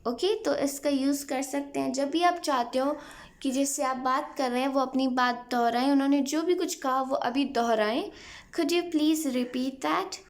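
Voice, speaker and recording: A woman teaching English phrases, explaining in Hindi and repeating each English line slowly and clearly. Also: sits high. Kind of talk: spoken English lesson.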